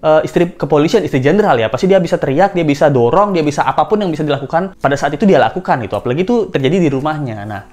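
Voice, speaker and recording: A woman's voice: sits low, lively intonation, very fast, hardly any pauses, a little mellow. A woman giving casual spoken commentary on a news case, chatty and full of rhetorical questions, with faint music behind her. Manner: chatty, rhetorical questions, acts out quoted lines. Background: faint background music.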